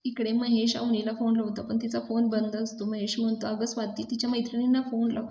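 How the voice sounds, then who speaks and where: A woman's voice: a little high, little pitch movement, brisk, vocal fry, a little mellow, slightly rough, highs cut off. A woman reviewing a TV serial episode, retelling the plot and quoting the characters' lines in her own plain voice, with hesitant restarts.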